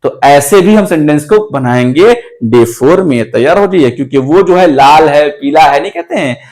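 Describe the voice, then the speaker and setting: High-voiced man teaching a lesson. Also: expressive, a little mellow. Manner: explains slowly, addressing students as children; drills English sentences word by word. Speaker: English teacher. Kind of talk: classroom lesson.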